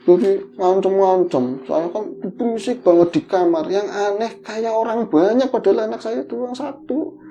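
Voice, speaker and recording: A middle-aged Javanese-accented man tells his story casually. His voice is gravelly and very dark, and it jumps upward when the tension builds. The audio is dull and lo-fi, with a faint hiss behind it. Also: measured pace. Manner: animated, pitch jumping up in tense moments. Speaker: guest telling his story.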